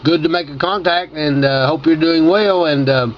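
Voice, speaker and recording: Male radio hobbyist host, casual chat, somewhat high voice, slightly muffled and lightly noisy recording. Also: moderate pace. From Tennessee, United States. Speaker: amateur radio operator and video host. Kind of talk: casual ham radio chat and video commentary. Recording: dull audio with faint noise.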